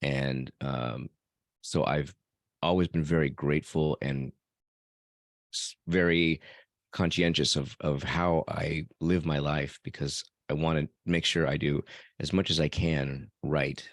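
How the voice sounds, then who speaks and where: In this relaxed interview, a man from El Salvador who hosts a podcast muses through his answers, dropping in fillers as he thinks. He speaks slowly in a deep, rumbling, steady tone, recorded at studio quality with no room sound.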